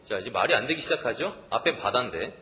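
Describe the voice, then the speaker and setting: A man's voice: mid-range voice, animated, fast talker, bright, forceful tone. A male pastor preaching at a church service, asking the listeners questions and chuckling often. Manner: asks the listeners many questions. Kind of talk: sermon.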